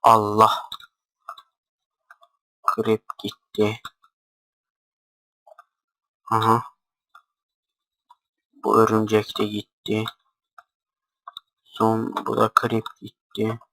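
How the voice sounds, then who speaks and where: Low, gravelly man talking quietly. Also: monotone, very slow, long pauses, dry recording, poor audio. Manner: talks quietly on purpose, swears casually while playing. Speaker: gameplay commentator. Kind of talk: casual gameplay commentary.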